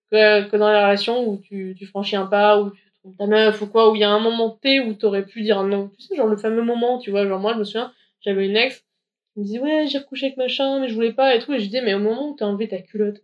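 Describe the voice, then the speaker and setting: A woman's voice: a little high, highs cut off. Frank woman telling a candid story. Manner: frank, slangy, acts out the dialogue she recalls. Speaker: guest telling her own story. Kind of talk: candid first-person storytelling.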